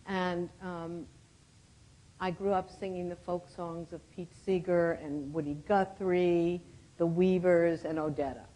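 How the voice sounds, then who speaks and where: A woman in her seventies giving a reflective storytelling talk to a conference audience, often clearing her throat. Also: lowish voice, fairly even intonation, a little slow, dark tone, rough recording. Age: 70s. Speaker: conference speaker.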